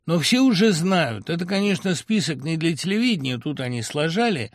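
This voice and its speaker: A man's voice: fairly high pitch, big pitch swings, a little fast, dry recording, clean studio sound, voice pushed up. A man voicing a cheerful, plump young woman in glasses who talks eagerly and with sympathy. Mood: chatty.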